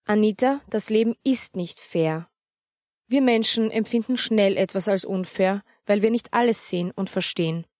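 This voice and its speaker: A woman voicing a patient mother who talks in a calm, firm, gently teasing way. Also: mid-range voice, normal speed, dry recording, clean studio sound, natural voice.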